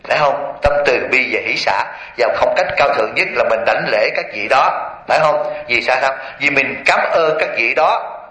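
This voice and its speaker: A man's voice: medium pitch, moderate pace, pushed and bright. A Buddhist monk gives a sermon to a lay audience. He keeps quizzing his listeners with rhetorical questions and often chuckles as he tells stories. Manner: chuckles often while storytelling. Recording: echoey hall.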